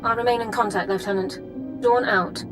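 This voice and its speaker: With a slightly high pitch, steady tone, and normal pace, an actress uses a natural-sounding voice for a formal, strict army sergeant reporting in precise, clipped fashion. The game cutscene audio has a music bed, and her accent sounds Imperial.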